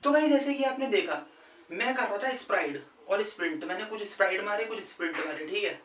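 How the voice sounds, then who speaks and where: A man's voice: high voice, lively intonation, fast. A man giving casual cricket fitness tips, chatty and informal, often calling the listener "brother" and checking "okay". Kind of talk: casual instructional vlog. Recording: echoey, distant, faint background noise. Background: faint ambient sound, a TV match playing.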